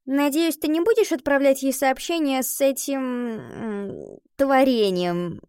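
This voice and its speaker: A woman voicing a sharp-tongued teenage schoolgirl who wants to write a book, exasperated and sarcastic, in an audiobook. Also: high-pitched, very animated, slow, clear, resonant tone, no echo, clean studio sound, pitched above the performer's own voice, full character voice. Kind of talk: audiobook reading.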